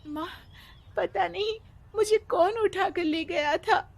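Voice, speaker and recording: A woman's voice: very high-pitched, slow, creaky, exaggerated voice. A woman voicing a young village girl in a cartoon, pleading and reproachful as she speaks. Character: bewildered young village girl, earnest and hopeful.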